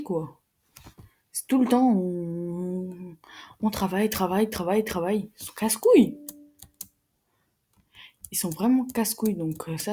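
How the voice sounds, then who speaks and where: A teenage girl chats casually to her viewers. She talks fast and rambles, slangy and quick to swear. Her voice is warm and mellow. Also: fairly low pitch, husky. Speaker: vlogger, secondary school student. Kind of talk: casual chat to camera.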